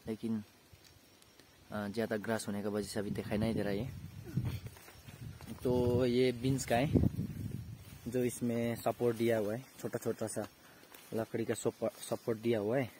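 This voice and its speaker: A young man narrates a relaxed tour of his farm, naming each plot in turn in a low, even voice that barely rises or falls. He films outdoors on a phone held at arm's length, with faint outdoor noise behind him. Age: young adult. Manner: plain, unhurried, points things out one by one. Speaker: farm vlogger. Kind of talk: casual walking tour narration. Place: hillside vegetable farm outdoors.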